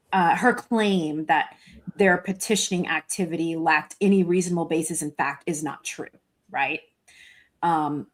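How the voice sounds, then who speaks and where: Woman co-host, lowish voice, halting and conversational as she walks through a document. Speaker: podcast co-host reading a legal filing. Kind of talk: casual panel chat.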